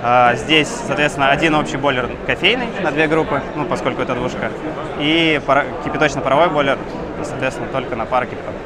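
A man's voice: medium pitch, fast talker, rough recording. A man presenting his company's coffee machine at an expo, explaining technical details at length with fillers. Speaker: coffee machine maker representative. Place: crowded indoor expo hall. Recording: crowd noise behind.

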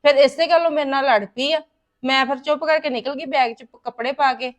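Playing a married daughter unloading her frustrations about her in-laws onto her mother, this actress keeps a steady tone in a high, lightly acted voice. It's domestic web drama acting, delivered as fast, aggrieved complaining.

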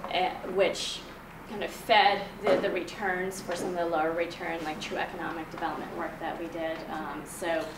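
Woman from kenya giving a talk, lowish voice, lots of ums, sounds far off in an echoey room. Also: level tone, moderate pace, hardly any pauses. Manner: conversational, many ums and restarts. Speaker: venture investor giving a talk. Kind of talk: conference presentation. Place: meeting room in front of a projector screen. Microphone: room mic from a distant camera. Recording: echoey room, far from the mic, audible room noise.

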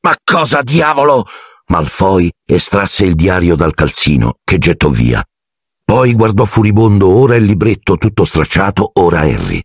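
A man narrating an audiobook in a measured storytelling manner on a close mic. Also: low-pitched, sing-song, darkish tone, slightly rough, no echo. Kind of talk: scripted narration.

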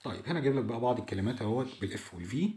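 A man with an Egyptian Arabic accent, explaining an English textbook lesson in a chatty way, saying each English word slowly and translating it. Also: medium pitch, expressive, warm tone. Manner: chatty, addresses the listener directly. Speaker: English teacher.

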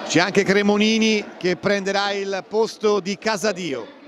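Italian guy doing live football play-by-play, highish voice, bit of stadium noise. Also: measured pace. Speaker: football match commentator. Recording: faint stadium crowd and outdoor noise. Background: football crowd and outdoor ambience.

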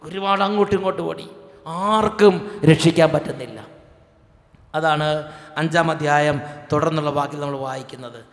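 A man, a priest, delivering a dramatic sermon, swinging from hushed tones to loud outbursts. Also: a little high. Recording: echoey hall.

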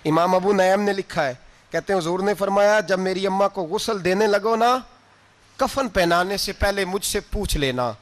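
A man preaching an emotional sermon, swinging between loud exclamations and hushed tender passages, and chanting verses slowly. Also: high voice. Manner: chants poetry slowly in a drawn-out singing way.

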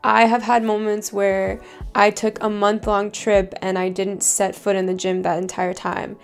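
A woman in her twenties, a fitness vlogger, talking in an earnest, relaxed way with plenty of "like" fillers. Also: medium pitch, a little slow. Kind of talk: casual advice vlog. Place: bedroom, home studio and parked car.

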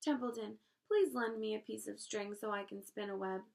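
A woman's voice: mid-range voice, moderate pace, vocal fry, a little mellow, lightly acted. Templeton, a woman doing a sarcastic grumbling rat. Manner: sarcastic, drawling, mocking. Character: selfish, sarcastic male rat, lazy and grumbling.

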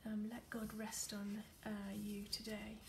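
Soft-spoken woman with a gravelly, flat voice. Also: mid-range voice, unhurried, slight background noise. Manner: soft, gentle, many fillers; often drops to a near whisper. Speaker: meditation leader. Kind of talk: guided craft meditation. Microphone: computer or phone camera.

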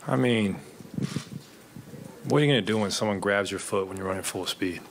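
A man in his thirties, a basketball player answering questions at a postgame press conference into a desk microphone, measured and low-key with frequent fillers. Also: creaky, a little hiss or hum. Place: arena press room.

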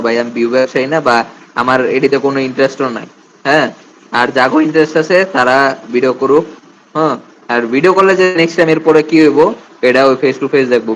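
A man's voice: mid-range voice, slight background noise, poor audio. Stern young man giving warnings. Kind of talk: live-stream talk.

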